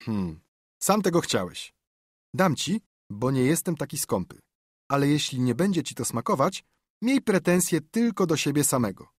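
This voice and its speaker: A man's voice: a little high, very animated, moderate pace, husky, no echo, studio quality, pitched above the performer's own voice. A man voicing a mischievous, sly young boy who plays innocent in an audiobook. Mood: teasing. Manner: cheeky, pleading innocence.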